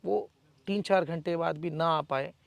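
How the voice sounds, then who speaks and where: High-pitched gravelly man, defiant and emphatic. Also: unhurried, dry recording. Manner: forceful, defiant, emphatic rhetorical speech. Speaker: local political figure, interviewee. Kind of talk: interview answers.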